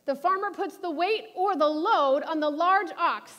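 A woman in her forties from New York City, preaching a sermon with animated, self-deprecating humor. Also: extremely high pitch, a little slow, long reverb tail, muffled recording. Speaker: speaker at a church service.

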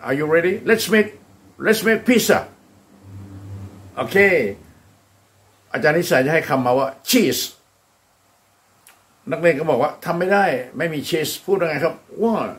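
A man teaching English, speaking Thai with a Thai accent. He models English phrases slowly and with care, then explains quickly and encourages his students warmly. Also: on the high side. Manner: upbeat and encouraging, often praising the students. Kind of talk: classroom-style English drill.

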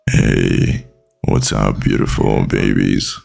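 A man with a booming, rumbling voice, bantering casually in a social VR game in a crude, flirtatious way. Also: little pitch movement, slow, vocal fry, a little mellow. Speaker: prankster streamer in VR chat.

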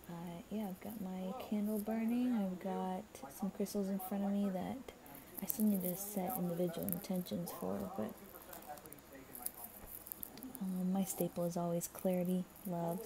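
A young woman talking quietly and half-whispering late at night in a shared bedroom, rambling with many fillers as she hosts a spiritual reading. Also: mid-range voice, gravelly. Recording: TV chatter in the background. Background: television playing.

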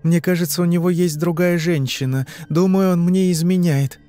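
A man voicing a frightened young woman under hypnosis in an audiobook, answering in short, halting phrases. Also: high-pitched, fairly even intonation, warm tone, faint music behind, pitched above the performer's own voice, natural voice. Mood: uneasy. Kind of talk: audiobook reading.

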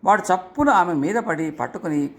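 A man narrating a folk tale in an expressive storybook reading. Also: high voice, normal speed.

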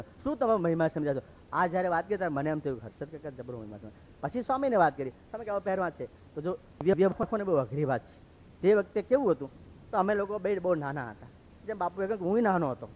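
A man from Gujarat, a monk telling stories in a lively sermon and acting out what others said. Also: sits high. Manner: lively, acts out quoted speech. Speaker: monk preacher. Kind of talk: storytelling sermon. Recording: dull lo-fi recording.

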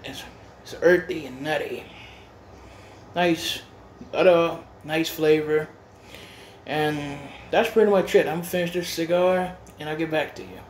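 A cigar vlogger films a casual review at home on a phone he holds himself, in a room with bare walls that sounds echoey with a faint hum in the background. His voice is a little high and wandering, and he rambles, repeating and restarting phrases as he goes.

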